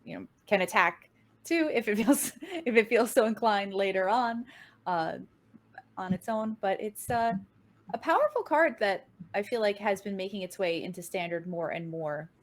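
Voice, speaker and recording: An upbeat woman gives play-by-play for a card game tournament. Her voice sits in a middle range, and she speeds up and rises in pitch as she tracks each move. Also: lively intonation, moderate pace. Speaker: game caster. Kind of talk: play-by-play esports commentary.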